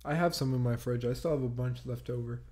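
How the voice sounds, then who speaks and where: A man's voice: mid-range voice, fast, darkish tone. A young man co-hosting a livestream, joking around casually and reading out chat comments. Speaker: livestream co-host.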